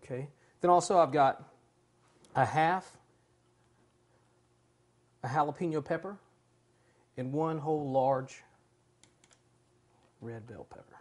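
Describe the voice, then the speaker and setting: A man in his forties hosts a home cooking show from a large kitchen, chatting casually and enthusiastically as he works. His voice is a little high, and he speaks at a slow pace with long pauses.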